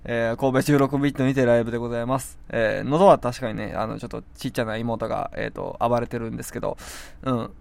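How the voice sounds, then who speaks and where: A man's voice: medium pitch, vocal fry. A man with a Kansai accent and a scratchy, irritated throat, rambling and poking fun at himself as he chats through a face mask on his web radio show. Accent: Kansai Japanese. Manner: rambling, self-mocking, chatty. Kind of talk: casual solo chat. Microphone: speaking through a face mask.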